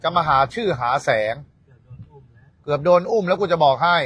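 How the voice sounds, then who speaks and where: A man who teaches the dharma speaks in a blunt, coarse, scolding rant. His voice sits a little higher than most men's. It sounds like casual spoken talk aimed straight at his followers. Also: lively intonation, moderate pace, a bit bright, slightly rough, no room sound.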